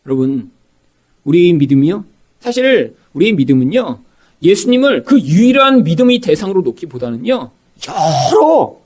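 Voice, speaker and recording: A man's voice: sits high, a little mellow. A middle-aged male pastor preaching a sermon, asking the congregation rhetorical questions and acting out quoted voices.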